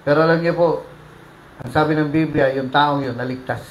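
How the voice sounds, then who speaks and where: A pastor preaching a sermon, mixing English phrases into his talk, with sudden loud rises and soft drops. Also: a little high, fairly even intonation, fairly quick, roomy sound, a little hiss or hum, rough recording.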